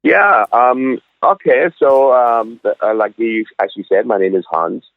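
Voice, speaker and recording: A man in his sixties from Switzerland, a cafe owner telling his story in a halting way with many fillers and restarts, over a phone line. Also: medium pitch, no room sound. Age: 60s. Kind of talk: casual interview storytelling. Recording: dry, tinny phone-line sound.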